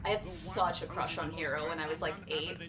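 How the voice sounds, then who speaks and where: A woman's voice: deep voice, steady tone, brisk, low-quality recording. A woman hosting a livestream in casual, sweary, giggly watchalong chat. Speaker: livestream host. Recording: music playing behind voice.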